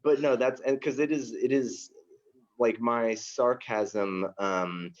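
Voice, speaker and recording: A man tour guide in a round-table chat, thoughtful and self-deprecating, often pausing on fillers. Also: medium pitch, steady tone, lo-fi sound.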